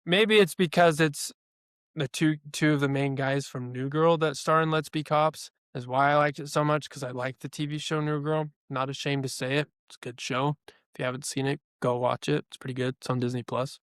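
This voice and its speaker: A young co-host on a casual podcast offers his opinions in a chatty way, using "like" again and again. His voice is a bit high and bright, clear and resonant, steady and moderately paced, recorded cleanly in a studio with no room sound.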